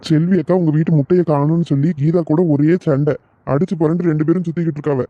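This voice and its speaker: Earnest young village guy, man voicing him, quick, raised pitch, lo-fi. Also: fairly even intonation, dry recording, natural voice. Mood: firm. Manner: earnest, protective. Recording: dull lo-fi recording.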